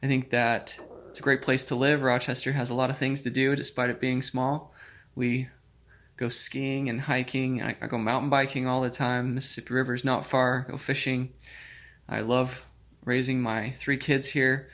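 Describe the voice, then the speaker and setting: A man's voice: mid-range voice, level tone, normal speed, a bit bright. A man in his thirties from Utah, a surgical resident, giving a friendly, upbeat recorded testimonial. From Utah, USA.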